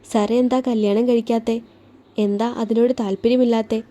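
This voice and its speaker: A woman playing a shy, soft-spoken young woman. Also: a little high, little pitch movement, moderate pace, close to an everyday voice. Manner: soft, hesitant.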